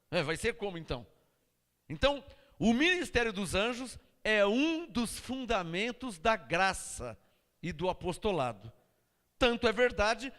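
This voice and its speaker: Guy preaching, keeps asking the crowd to answer, lively up and down voice, echoey hall. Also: high voice. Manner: preaching with call-and-response questions to the congregation. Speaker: pastor. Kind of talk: sermon.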